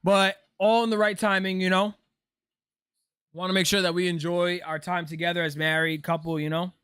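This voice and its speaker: A livestream host in his late twenties chats loosely with viewers, answering their questions and reacting to a ball game. He's relaxed and says "bro," with a high voice, normal speed, and a clean tone.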